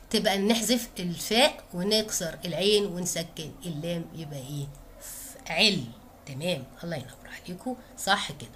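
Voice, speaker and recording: Egyptian woman teacher, mid pitch, encouraging, quizzes pupils, faint noise behind. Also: fairly bright tone. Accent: Egyptian Arabic. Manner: encouraging, asks pupils questions and praises them. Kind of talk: classroom grammar lesson.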